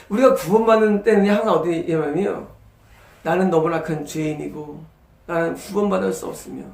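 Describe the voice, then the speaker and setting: A man's voice: high voice, gravelly, echoey room. A male pastor preaching a sermon, asking rhetorical questions and answering them with emphasis. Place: church sanctuary.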